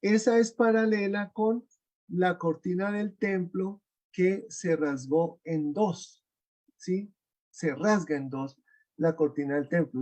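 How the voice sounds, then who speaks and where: A man's voice: on the high side, darkish tone. A man giving a webinar lecture, explaining step by step and checking in with his audience through rhetorical questions, over a video call.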